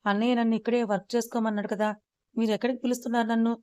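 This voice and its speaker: A woman's voice: on the high side, little pitch movement, rapid-fire, dark tone, dry recording, close to an everyday voice. A woman voicing a nervous young man who speaks hesitantly and anxiously to his older brother, in a storybook reading.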